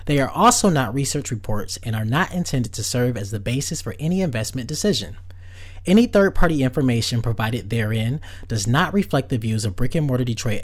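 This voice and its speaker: Guy doing the quick legal disclaimer at the end of a podcast, bit raspy, pitch moves around. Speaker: podcast host. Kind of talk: fast legal disclaimer read.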